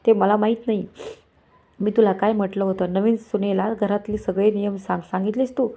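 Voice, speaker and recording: A woman's voice: mid-range voice, fairly even intonation, normal speed, creaky, warm tone. A woman reading the part of a strict, old-fashioned mother-in-law who scolds harshly. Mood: scolding.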